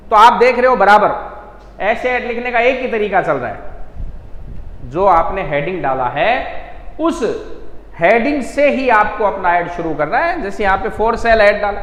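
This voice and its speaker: A man teaching an English lesson, explaining slowly and repeating key points for emphasis. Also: high-pitched, big pitch swings, fairly bright tone, echoey room, in a large hall, low-quality recording. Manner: slow, repetitive explaining with frequent emphasis. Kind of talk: classroom lesson.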